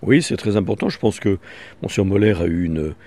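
Deep, dark-voiced bishop. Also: male voice, animated, slight background noise. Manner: measured and explanatory, with fillers. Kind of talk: radio interview.

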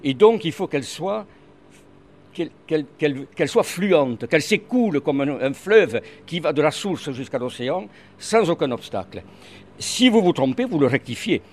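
A man's voice: on the high side, big pitch swings, normal speed. An older man with a regional French accent, a radio columnist in an interview, hesitant with many fillers but earnest and emphatic.

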